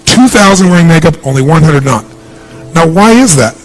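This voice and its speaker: A middle-aged man giving a punchy, energetic seminar speech to a large audience in a big hall, asking the crowd questions. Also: on the high side, a little fast, faint music behind. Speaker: motivational speaker.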